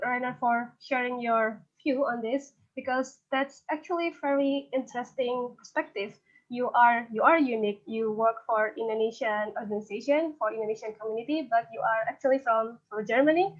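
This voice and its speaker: A woman moderating a webinar panel who thanks speakers and hands the floor over with friendly questions. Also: a little high. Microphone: video call. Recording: dull lo-fi video call audio.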